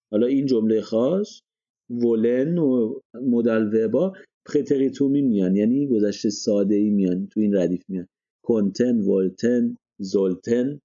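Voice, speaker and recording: A man's voice: on the low side, mellow, highs cut off. A male language teacher explaining grammar step by step and often stopping to check that listeners follow. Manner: checks understanding with frequent rhetorical questions. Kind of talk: explanatory lesson.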